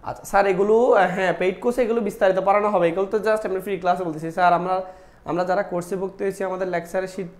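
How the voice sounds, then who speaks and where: A high-pitched, quick-talking male tutor delivers a flat explanation of spelling questions in a live online Bangla admission-test class, recorded in an echoey room. He addresses the students directly, quizzes the class again and again, repeats "dekho," and responds to his own questions.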